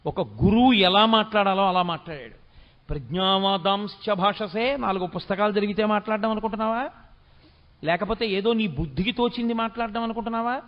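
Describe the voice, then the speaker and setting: A middle-aged man giving a spiritual discourse on scripture. He chants verses slowly and then fires off quick scolding rhetorical questions. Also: high voice. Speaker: religious discourse speaker. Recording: dull lo-fi recording with long hall reverb.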